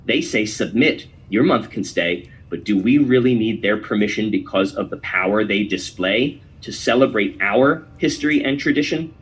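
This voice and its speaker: A man's voice: lowish voice, lively intonation, moderate pace, hardly any pauses, a little hiss or hum, low-quality recording. A man hosting a podcast, giving opinion commentary and reading a poem aloud in an emphatic, declamatory way. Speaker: podcast host.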